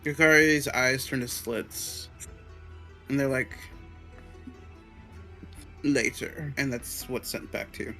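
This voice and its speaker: A man's voice: medium pitch, a little slow, bright, forceful tone, soft background music. A man acting as game master, narrating what characters do in a tabletop role-playing game.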